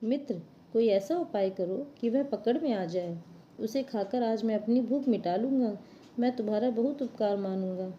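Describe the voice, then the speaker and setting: A famished, gloomy crocodile from a children's storybook, read out by a woman teacher. The voice is mellow and a little high. The recording is dull, with faint background noise. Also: moderate pace, natural voice. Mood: pleading. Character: hungry, gloomy male crocodile.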